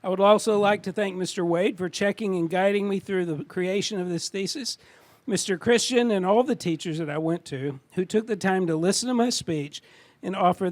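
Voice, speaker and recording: A man acting as teacher at a school thesis defense, reading acknowledgments aloud in a hesitant, self-correcting way. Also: sits high.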